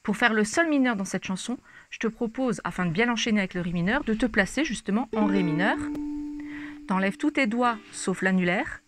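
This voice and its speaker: A woman's voice: mid-range voice, animated, brisk, background noise. A woman teaching a ukulele lesson, explaining chords step by step and speaking casually and directly to the viewer. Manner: casual, addresses the viewer informally. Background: ukulele playing.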